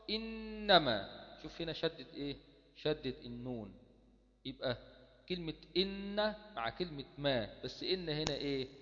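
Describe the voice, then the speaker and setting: A man's voice: a little high, a bit bright. Egyptian man teaching with chanted quotes. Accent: Egyptian Arabic. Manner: slow, chanted quoting of verses between quick explanations; asks rhetorical questions and answers them himself. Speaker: Quran recitation teacher. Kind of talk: explaining a verse text line by line. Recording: dull sound with long reverb.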